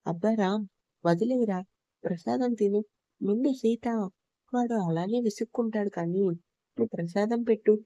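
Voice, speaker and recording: A woman voicing an easygoing young man who calms his friend down. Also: medium pitch, normal speed, long pauses, dry recording, lightly acted. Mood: placating. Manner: soothing, chiding.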